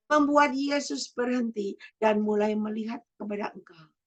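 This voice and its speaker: Woman evangelist, fairly high voice, repetitive emphatic preaching. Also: fairly bright tone. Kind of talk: sermon.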